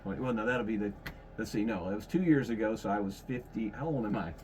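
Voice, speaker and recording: Low-voiced folksy male podcast host in his fifties, chatty and self-correcting, faint hiss behind. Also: quick pace, darkish tone. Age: 50s. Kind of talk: casual chat.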